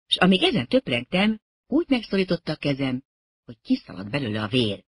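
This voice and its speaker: A wry, expressive audiobook narrator. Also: medium pitch, husky, no room sound. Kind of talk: first-person audiobook narration.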